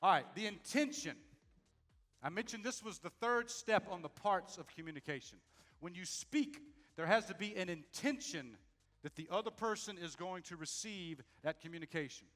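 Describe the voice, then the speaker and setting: Male stage speaker, high voice, upbeat motivational delivery to a live crowd. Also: normal speed, faint music behind. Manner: lively, addresses audience directly, asks "make sense?". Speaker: speaker on leadership and communication. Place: stage before a live audience.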